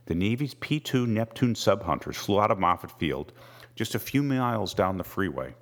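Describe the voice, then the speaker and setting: A man reading a first-person novel aloud with measured, wry storytelling. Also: fairly low pitch, expressive. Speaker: audiobook narrator. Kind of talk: scripted first-person narration.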